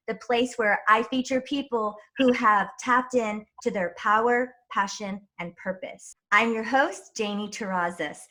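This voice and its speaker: A woman's voice: medium pitch, sharp tone. A woman host introducing her show and guest in a presenter's style. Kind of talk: scripted-sounding show introduction.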